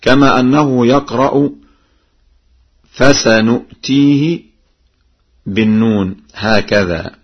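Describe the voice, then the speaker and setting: Husky slow-spoken male recitation teacher. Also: lowish voice, fairly even intonation. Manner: explains, then chants verse examples slowly. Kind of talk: radio lesson on recitation variants. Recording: dull archival radio broadcast.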